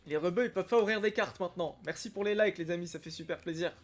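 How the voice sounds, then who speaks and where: A young man chatting casually on a live stream while opening trading card packs, reacting with excitement and greeting viewers by name. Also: sits high, fast talker. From Algeria. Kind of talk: casual live-stream chat reading comments.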